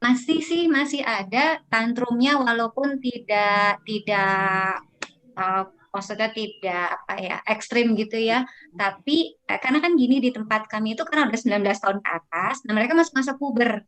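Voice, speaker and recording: A woman's voice: fairly high pitch, normal speed, a bit bright, rough recording. A woman who heads a vocational academy, explaining things on a webinar panel in a chatty way, with many fillers and restarts.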